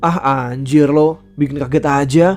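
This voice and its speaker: A man's voice: mid-range voice, fairly even intonation, a little slow, darkish tone, soft background music, natural voice. A man doing a jumpy young hiker, scared and swearing. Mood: startled. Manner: startled, swearing.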